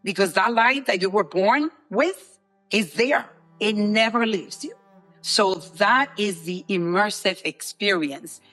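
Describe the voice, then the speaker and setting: A woman's voice: mid-range voice, takes it slowly, a bit bright, faint music behind. Enthusiastic woman from the Dominican Republic. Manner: enthusiastic, emphatic, repetitive. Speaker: guest, co-founder of a leadership program. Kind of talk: interview answers.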